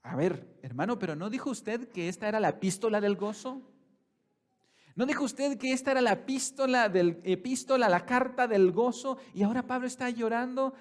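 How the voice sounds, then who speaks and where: High-voiced pastor preaching. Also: male voice. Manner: preaching with sudden swings from quiet and slow to loud and high; addresses the congregation as brothers, asking them questions. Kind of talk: sermon.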